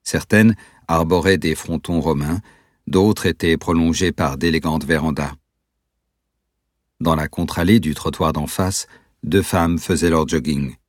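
Narrateur à la voix très grave et voilée. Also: male voice, rumbling low, fairly even intonation, no room sound, studio quality. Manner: measured, descriptive reading. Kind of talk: scripted audiobook narration.

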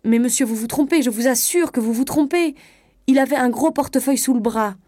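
A woman voicing a distraught young bourgeois wife, pleading and shrill with panic. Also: slow, darkish tone, dry recording, studio quality. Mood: panicked.

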